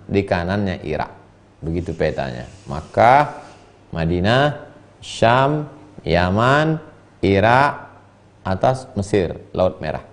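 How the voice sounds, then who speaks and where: A male religious teacher who reads Arabic phrases slowly, translates them and explains them in a storytelling manner. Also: on the low side. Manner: storytelling with acted dialogue. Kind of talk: reading and explaining a classical religious text.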